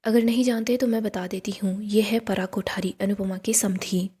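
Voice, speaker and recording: A woman's voice: mid-range voice, fairly even intonation, normal speed, warm tone, husky, lightly acted. A woman voicing a scheming, defiant middle-aged woman politician in a story recap, in an insistent, accusing way.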